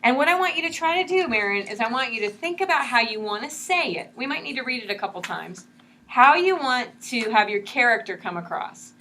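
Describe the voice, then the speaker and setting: A woman with a clear, bright voice gives a one-on-one reading lesson. She is patient and encouraging, walking her student through each point step by step, with a faint hiss of room noise underneath. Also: fairly high pitch, animated, fairly quick. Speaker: reading teacher.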